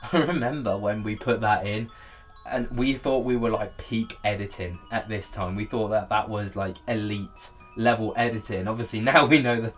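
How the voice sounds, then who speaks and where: Self-deprecating man with a lowish voice, music behind. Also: normal speed, a bit bright. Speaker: host looking back on own video. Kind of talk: casual reaction commentary.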